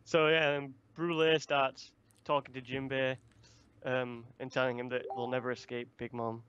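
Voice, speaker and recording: A man's voice: mid-range voice, level tone, normal speed, a bit bright, clear, resonant tone, dull audio. A man co-hosting a casual manga review, talking in a rambling, chatty way with loose swearing. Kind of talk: casual chat.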